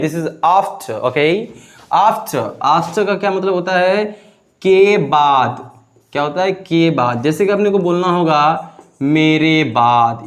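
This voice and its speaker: A man teaching basic English in a video lesson, repeating each example and quizzing the viewer. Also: a little high. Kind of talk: classroom-style video lesson.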